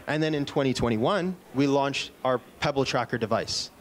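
His mid-range voice, at a moderate pace and with a little hiss or hum, comes through a handheld microphone. He's a man in his thirties presenting an upbeat product keynote on a stage in a large indoor event room, with a few fillers and restarts.

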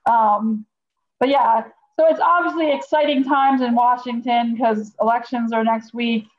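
A woman's voice: a little high, steady tone, measured pace. A middle-aged woman giving casual remarks as a guest on a group video call, with dull, faintly noisy audio. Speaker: guest speaker. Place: indoor room, on a video call.

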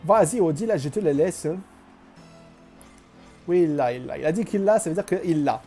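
Young male streamer, mellow fairly high voice, self-mocking live game chatter over faint music. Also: animated, normal speed, breathy edge. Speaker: gaming streamer. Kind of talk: live gameplay commentary.

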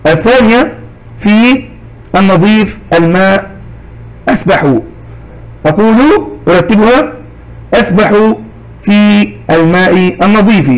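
A man teaching a recorded lesson to young children, slow and patient, saying each example word twice. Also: high-pitched, rough recording.

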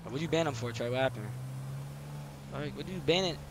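A man with a creaky, slightly high voice speaks briskly while streaming a game, trading slangy, sweary role-play banter with his friends. The recording is noisy with game audio and vehicle sounds.

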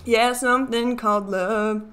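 Her voice sits on the high side, smooth and fairly bright, with fairly even intonation and an unhurried pace. This young woman from Chicago, carrying the city's American accent, hosts videos of rambling, self-interrupting casual reactions, recorded on a desk microphone seen at the frame edge in a small furnished room at home.

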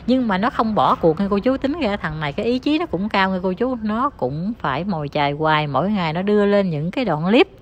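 Lady ranting on her vlog, scornful and insulting, mid pitch, bit of faint noise behind. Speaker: online commentator. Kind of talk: ranting commentary vlog to viewers.

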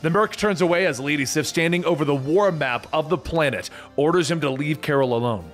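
A man's voice: on the high side, brisk. A man narrating a comic-book story in a dramatic, scripted style. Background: music bed.

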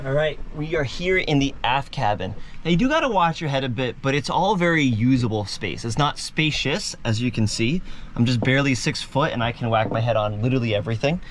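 A man of middle pitch walks viewers through the cabin of a sailboat. He is chatty and upbeat, speaking right to the audience, with a faint hiss of background noise behind him. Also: lively intonation, a little fast. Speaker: vlog host giving a boat tour. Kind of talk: casual guided tour.

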